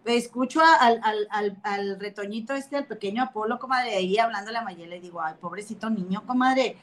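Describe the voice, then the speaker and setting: A woman's voice: medium pitch, fairly quick. A woman with a Mexican Spanish accent hosting a casual gossip podcast, chatting with her comadre and reading viewer comments aloud. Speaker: podcast host.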